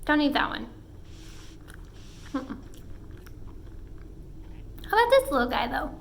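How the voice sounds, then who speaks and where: A young woman with a high voice chats at a slow, easy pace while taste-testing food she made. She talks between bites, often with her mouth full. It is recorded on a phone with faint noise in the room behind her. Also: big pitch swings, vocal fry, a bit bright. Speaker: cooking vlogger. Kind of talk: casual cooking vlog. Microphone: phone camera.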